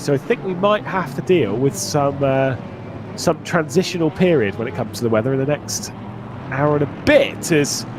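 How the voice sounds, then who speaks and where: A man's voice: fairly high pitch, background noise. A man with a modern Southern English accent giving live commentary on a racing event. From southern England. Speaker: motorsport commentator.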